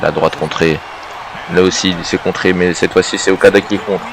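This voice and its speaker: A man's voice: low voice, steady tone, fairly quick, over a noisy crowd. A man working as a wrestling co-commentator, naming the moves in short interjections. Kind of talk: wrestling commentary of a video game match.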